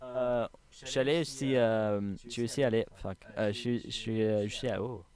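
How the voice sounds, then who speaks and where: A man co-hosting a podcast in casual chat, animated, slipping English slang into his French and laughing often. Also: medium pitch, moderate pace, crowd noise. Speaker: podcast co-host. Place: studio.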